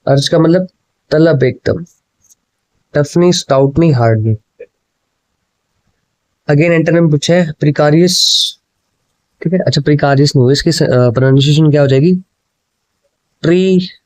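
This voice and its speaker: An exam coaching teacher explains exam questions in a slightly high, mellow voice at a moderate pace with long pauses, mixing Hindi and English, repeating answers and constantly asking "ठीक है?". The mic is dry and close with no room sound, though the audio quality is poor.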